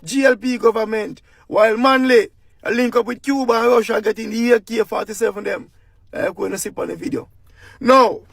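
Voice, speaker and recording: A Jamaican man rants through political commentary in thick patois, firing off rhetorical questions. His voice sits high and carries a gravelly rasp. The sound is dry, with no room echo. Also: fairly bright tone.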